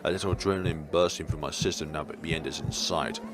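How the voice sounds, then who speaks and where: A man with a rumbling low voice and a steady tone talks fast as he reads visual novel narration aloud for a let's play. He's theatrical but trips over words and keeps breaking off into jokey asides, with game music playing behind him.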